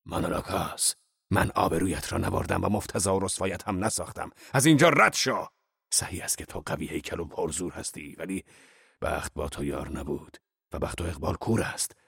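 A man voicing a calm, unafraid old wanderer who speaks steadily and mocks his rival in an audiobook. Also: creaky, husky, no echo, clean studio sound, full character voice. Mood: calm mocking. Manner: steady, taunting, low-key. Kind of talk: audiobook character voice.

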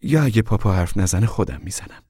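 A man voicing a calm, wise mother who speaks softly and reassuringly, almost in a whisper, in an audiobook. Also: on the low side, breathy edge, no room sound, clean studio sound, voice pushed up. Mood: gentle, reassuring. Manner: soft, soothing, half-whispered. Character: calm, wise, steady mother of a poor family. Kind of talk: audiobook character reading.

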